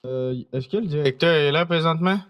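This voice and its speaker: A man's voice: fairly high pitch, a little fast, clean tone, dull audio, close to an everyday voice. A man playing a complaining hospital visitor in improvised role-play.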